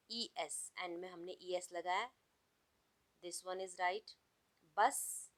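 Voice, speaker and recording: A woman's voice: fairly low pitch, fairly bright tone. A woman teaching an English lesson, spelling words out letter by letter and mixing Hindi with English. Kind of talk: slow explanatory class lesson.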